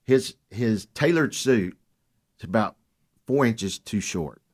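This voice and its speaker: A man with a somewhat low voice, speaking as a guest on a talk show. He tells his story earnestly and with animation, sometimes slowing to lean on a point. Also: expressive, a little mellow. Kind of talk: casual radio chat.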